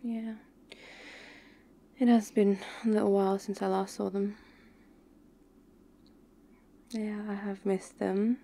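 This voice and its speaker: A woman playing an affectionate, pouty young girlfriend in an intimate, soft ASMR role-play for ASMR. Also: medium pitch, flat delivery, vocal fry. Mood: tender, wistful. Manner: intimate soft voice dropping into speaks softly, slow and tender.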